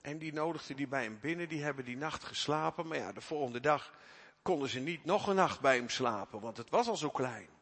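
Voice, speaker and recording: A man's voice: on the high side, animated, a little fast, a bit bright, breathy edge. A middle-aged man preaching a sermon as pastor, earnest and emphatic as he addresses the congregation. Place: church. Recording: long church reverb.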